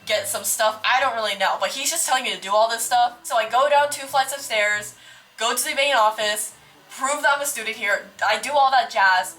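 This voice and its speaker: A woman's voice: on the high side, a little fast, pushed and bright. A young woman vlogger telling a dramatic, slangy storytime about her day, casual and exaggerated. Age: young adult.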